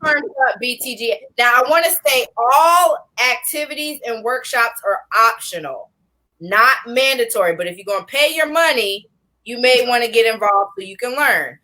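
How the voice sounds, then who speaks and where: A woman co-hosting a casual livestream chat, presenting a retreat schedule in a relaxed, joking way. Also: on the high side, moderate pace, rough recording.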